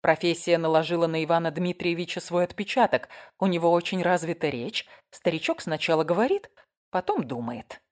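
A woman narrates an audiobook with a lively, expressive delivery. Her voice sits on the low side and rises and falls freely. This is scripted storytelling. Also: a little fast.

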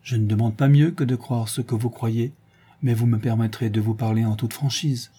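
A man voicing a calm older male philosopher who speaks gently and frankly. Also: mid-range voice, husky, close to an everyday voice. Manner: gentle, measured.

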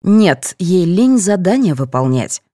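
A woman's voice: lowish voice, very animated, slow, mellow, no echo, clean studio sound, full character voice. A woman voicing a blunt, preachy young boy who lectures the grown-ups in an audiobook. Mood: lecturing. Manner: lecturing, sneering.

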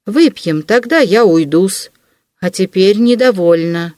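A woman's voice: medium pitch, unhurried, dark tone, no echo, clean studio sound, natural voice. Woman reading as a fawning, stubborn man. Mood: insistent. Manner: fawning yet stubborn, polite "-s" endings. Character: insistent, obsequious middle-aged man pressing a drink. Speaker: audiobook reader. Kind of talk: classic novel audiobook reading.

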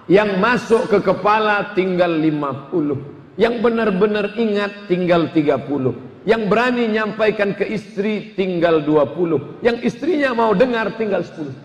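A man preaching a humorous sermon, telling lively stories with comic asides. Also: high-pitched. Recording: echoey hall with long reverb.

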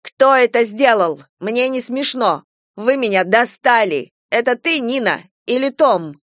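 A woman reading aloud voices a touchy young woman who shouts in anger. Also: medium pitch, slow, no echo, clean studio sound, lightly acted. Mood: furious.

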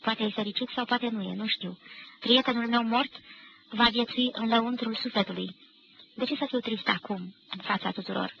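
A woman giving a measured, grave literary reading of a novel, from a 1990 radio archive recording. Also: fairly high pitch, steady tone, vocal fry, muffled recording, slight background noise. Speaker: reader.

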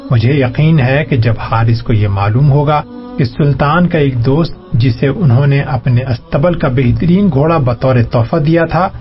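A man's voice: medium pitch, lightly acted. A man reading a loyal villager who keeps pressing his offer, deferential and earnest, for an audiobook. The sound is muffled and lo-fi, with faint music behind. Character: loyal male villager guide, eager to please.

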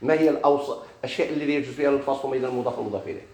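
A man's voice: mid-range voice, very fast, a little mellow. A man with a Moroccan Arabic accent teaching a grammar lesson in a classroom, putting questions to his students and then answering them himself. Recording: echoey room.

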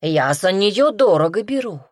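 A woman's voice: medium pitch, animated, a little slow, no echo, clean studio sound, voice pushed up. A woman voicing a curt, grumbling, old-souled male companion in an audiobook.

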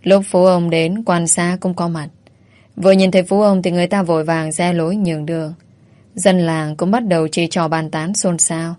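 Woman, story narrator, low voice, dry close sound, measured. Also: steady tone, mellow, dry recording.

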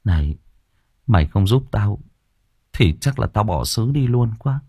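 A man voicing a big, burly teenage boy who stammers and talks in a hushed, scared way in an audiobook. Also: fairly low pitch, measured pace, no room sound, clean studio sound. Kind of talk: audiobook character voice.

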